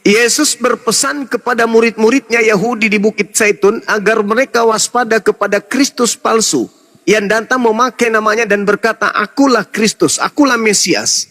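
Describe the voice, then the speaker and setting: A man's voice: sits high, steady tone, normal speed, a bit bright, in a large hall. A man debating heatedly over religion, lecturing in long repeated runs and mocking his opponent.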